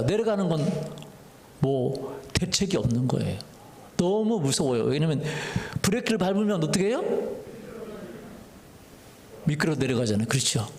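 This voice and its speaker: High-voiced male pastor in a reverberant hall. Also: darkish tone, slight background noise. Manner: preaches with questions to the congregation; tells a personal story conversationally. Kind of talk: Sunday sermon. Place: church sanctuary. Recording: echoey church hall reverb.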